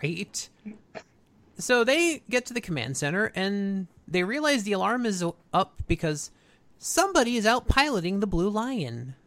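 A podcast co-host recapping an episode in casual, informal and animated storytelling. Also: medium pitch, a little slow, no room sound.

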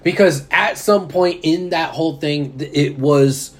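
A man's voice: fairly high pitch, unhurried. Rambling, laughing man chatting casually. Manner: rambling, self-interrupting, laughs often. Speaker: podcast co-host. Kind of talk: casual wrestling chat.

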